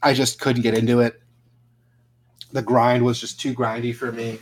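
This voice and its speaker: A man's voice: medium pitch, little pitch movement, normal speed. A man co-hosting a casual gaming podcast, talking through game trailers with loose, swearing chatter and lots of fillers. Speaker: podcast co-host. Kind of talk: casual gaming news chat.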